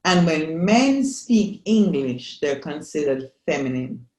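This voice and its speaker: A woman's voice: low-pitched, very animated, slow, a little mellow. A woman with a Jamaican accent, a psychologist guest, explaining patiently and checking in with her listeners over a video call. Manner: patient, teacherly, checks in with "Yes?". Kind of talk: explanatory interview answers. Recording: echoey room.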